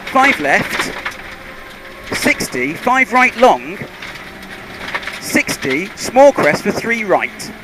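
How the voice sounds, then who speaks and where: Inside a rally car on a forest stage, a male co-driver reads pace notes over a helmet intercom headset in clipped, urgent bursts. His high voice is very animated yet extremely slow, broken by long pauses. Loud engine and vehicle noise fill the intercom recording.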